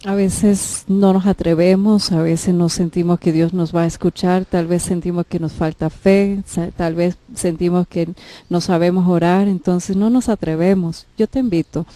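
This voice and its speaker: Warm-toned woman hosting faith TV. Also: on the low side, fairly even intonation, normal speed. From Mexico. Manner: earnest, inviting viewers to call in. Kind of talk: faith talk show and prayer appeal.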